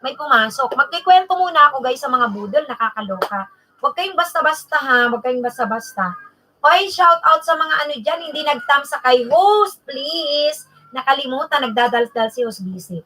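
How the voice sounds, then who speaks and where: A high-pitched woman from the Bicol region chats live to her viewers as host. Her voice is bright and sharp as she runs through an animated, gossipy story and breaks off to call on her moderator. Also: moderate pace, rough recording. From Bicol region, Philippines. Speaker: livestream host. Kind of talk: casual livestream chat.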